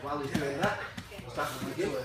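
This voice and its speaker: A male martial arts coach demonstrates moves in short, casual instructions. His slightly high voice carries from a distance through a very reverberant room. He breaks each technique into small steps as he goes. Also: fairly quick. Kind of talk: hands-on jiu jitsu demonstration. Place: large echoey indoor training room. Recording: very echoey, noisy room, far from mic.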